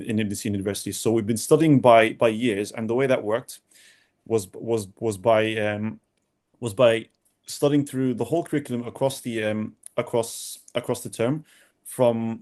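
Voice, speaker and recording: A young man from Sudan, a doctor answering podcast interview questions in a halting way with many restarts and repeated words. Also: on the low side, a little mellow. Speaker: doctor, guest.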